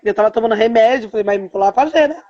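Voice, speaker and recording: A woman's voice: on the high side, racing, a little mellow, lo-fi sound. A woman telling her own story as a mother in a live stream interview, with hesitant fillers and quoted dialogue. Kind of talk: emotional personal testimony on a live stream.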